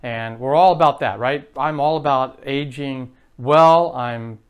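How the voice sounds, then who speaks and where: A man in his late fifties, in his 50s, hosts his own health vlog, talking casually to camera. His mid-range voice is smooth and measured in pace, though he rambles chattily with plenty of fillers and restarts.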